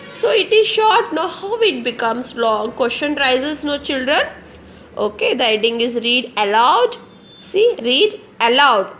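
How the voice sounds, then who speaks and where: A young woman with an Indian English accent teaches phonics to little children, her voice pitched a little high. She speaks very slowly and repeats herself, asking questions and then answering them. A faint hiss sits under the recording. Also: bright, forceful tone. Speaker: kindergarten teacher. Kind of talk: online phonics lesson.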